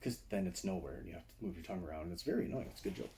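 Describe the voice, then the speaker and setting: Mellow-voiced man teaching meditation. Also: low-pitched, animated, racing, slight background noise. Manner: conversational, explains with frequent "right?" and "okay?" check-ins. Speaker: meditation and martial arts teacher. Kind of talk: casual video lecture to camera. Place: indoors, seated.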